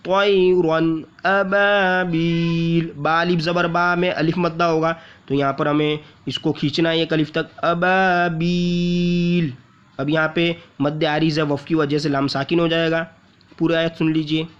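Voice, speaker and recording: A man teaches recitation at an unhurried pace, pausing on single syllables and stretching the long vowels so they are easy to follow. His voice sits a little high. The recording is dull and lo-fi. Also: level tone, fairly bright tone. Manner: patient, repeats syllables and drags out long vowels while demonstrating. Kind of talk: explaining tajweed rules step by step. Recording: muffled lo-fi audio.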